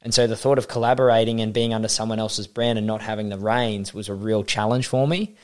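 A young adult Australian man, a coach appearing as a podcast guest, talks quickly in a lowish voice with fairly even intonation. In this casual interview chat he tells his story, acting out the remarks he quotes.

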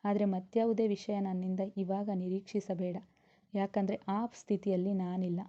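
A woman voicing a young husband and police officer, speaking softly, slowly and pleadingly. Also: mid-range voice, little pitch movement, muffled recording, natural voice.

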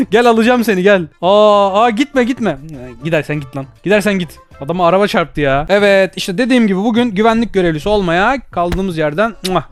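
A young man giving playful, teasing commentary while playing a VR game. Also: sits high. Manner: excitable, teasing, bursts of shouting and laughter. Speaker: gaming YouTuber. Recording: faint background music.

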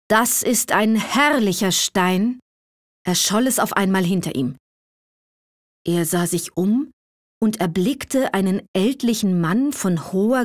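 Female audiobook narrator, mid-pitched, measured and expressive; dry studio sound. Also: no echo. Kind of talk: audiobook fairy-tale reading. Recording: dry close recording.

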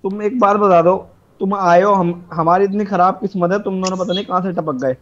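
A man's voice: sits high, fairly even intonation, a little fast, muffled recording, faint music behind. A man streaming live, teasing and arguing with other players over game voice chat. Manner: teasing, argumentative.

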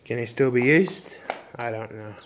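A thirty-something man casually narrates a property tour, filming with a phone at arm's length as he walks the rural grounds and then enters a farmhouse, pointing out features. He speaks at a medium pitch and moderate pace, with slight background noise.

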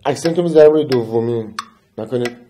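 A man teaching metronome practice in a casual lesson, counting beats aloud and humming a melody slowly. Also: medium pitch, mellow, slight background noise. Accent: Persian. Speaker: music teacher.

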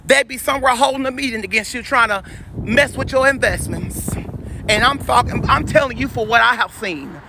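A man preaching in a loud, emphatic, repetitive live-stream monologue while out walking for exercise on a neighborhood street. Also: very high voice, moderate pace, creaky. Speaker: self-styled preacher going live. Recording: street noise with passing traffic.

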